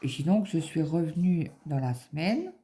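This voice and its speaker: A woman's voice: low voice, lively intonation, a little slow, mellow. A middle-aged woman chatting casually on a vlog, rambling with many fillers as she acts out a conversation. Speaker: vlogger. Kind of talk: casual chat, retelling an appointment.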